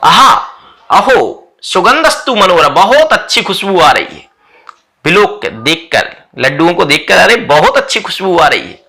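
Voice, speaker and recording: Bright-voiced male Sanskrit teacher. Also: high voice, sing-song. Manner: reads Sanskrit lines then explains each in Hindi, asking himself quick questions. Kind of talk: classroom lesson explaining a Sanskrit play.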